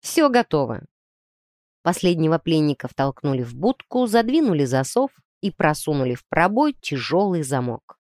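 A woman narrating a children's story aloud with expressive storytelling. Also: low voice, normal speed, hardly any pauses, no room sound, studio quality. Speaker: audiobook narrator. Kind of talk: scripted narration.

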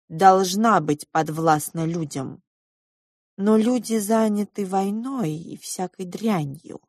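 A grave, brooding man in a storybook reading, pondering each phrase slowly and carefully, as a woman reader voices him. The sound is dry and close. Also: mid-range voice, a little mellow, no room sound.

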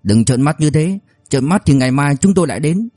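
A man voicing a glib, scheming young debt collector who talks smoothly with mock innocence. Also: fairly high pitch, animated, a little fast, mellow, no room sound, clean studio sound, faint music behind. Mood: quietly threatening.

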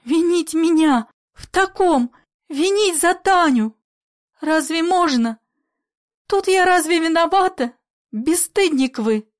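A woman's voice: sits high, animated, moderate pace, no echo, clean studio sound, voice pushed up. A woman voicing a defiant young woman who speaks out in indignant outbursts, in a play reading.

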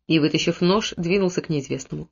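Male narrator with a high-pitched voice, steady storytelling delivery, slightly muffled recording. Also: fast talker, gravelly, husky. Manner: steady storytelling, lowers voice for characters' quoted lines. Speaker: audiobook narrator. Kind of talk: scripted narration.

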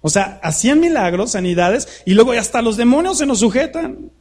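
High-voiced man preaching. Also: lively intonation, a little fast, a little mellow. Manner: conversational preaching full of rhetorical questions to the congregation. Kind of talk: sermon. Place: church hall with a live congregation.

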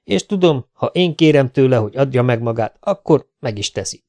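An earnest, determined male lieutenant presses his case insistently, as a man reading a novel puts him on. His voice stays close to the reader's own, steady and serious, in an audiobook scene. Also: medium pitch, close to an everyday voice.

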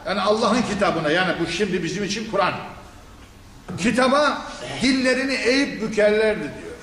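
A man giving a Quran commentary lesson as a sermon, animated and scolding, firing rhetorical questions and laughing in scorn. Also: high voice, a little hiss or hum. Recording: echoey hall with faint ambience.

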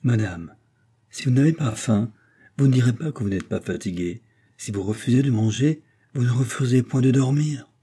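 A man's voice: medium pitch, moderate pace, mellow, breathy edge, natural voice. A man reading aloud and voicing a genial, well-fed king who talks in a hearty, insistent way. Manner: hearty, insistent, fond of his food.

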